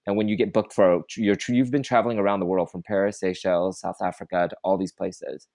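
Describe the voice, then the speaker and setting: A man's voice: sits low, little pitch movement, fast, darkish tone, dry recording. A man hosting a casual podcast interview, talking with lots of energy and enthusiasm and many fillers and restarts. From Vietnam. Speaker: podcast host.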